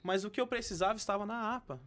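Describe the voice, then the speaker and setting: A man, a gospel singer, telling a personal testimony in an animated, casual way on a podcast. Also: high-pitched, fast. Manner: animated storyteller, bursts into hymn.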